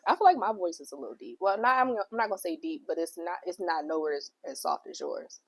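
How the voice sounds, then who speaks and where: Husky, lively young woman host. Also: fairly low pitch, fast talker. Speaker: podcast host. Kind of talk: casual chat.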